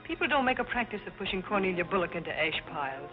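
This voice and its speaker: An actress playing a haughty, spoiled young socialite trading imperious screwball comedy banter in a 1930s film style. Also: female voice, mid-range voice, animated, quick pace, close to an everyday voice. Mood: menacing. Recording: dull old film soundtrack, music behind.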